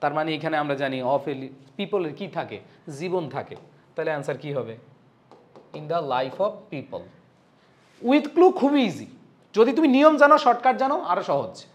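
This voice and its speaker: A man's voice: a little high, big pitch swings, unhurried, pauses often. A young man with a Bangladeshi accent teaching an exam-prep English lesson, putting questions to students and answering them himself with emphasis.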